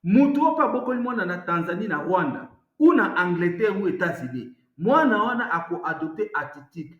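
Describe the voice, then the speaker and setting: A man's voice: sits high, echoey room, muffled recording. A man hosting online news commentary, talking in a rambling, conversational way. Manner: rambling, code-switching commentary. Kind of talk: casual commentary.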